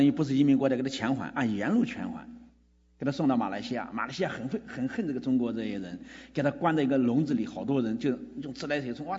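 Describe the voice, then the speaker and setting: A man's voice: mid-range voice, a little mellow, slightly rough. A pastor preaching a sermon, telling a story with quoted dialogue and building to emphatic appeals to his congregation. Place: church hall. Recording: dull lo-fi recording in a reverberant hall.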